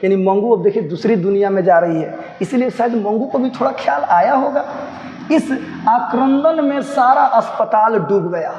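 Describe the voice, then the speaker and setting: A man's voice: sits high, moderate pace, a little mellow. Man explaining a story, echoey room. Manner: reads a line, then re-explains it in simple words with local dialect asides; keeps calling students to listen closely. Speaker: teacher. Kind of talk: line-by-line story explanation for students. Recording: echoey room, dull lo-fi sound, faint noise.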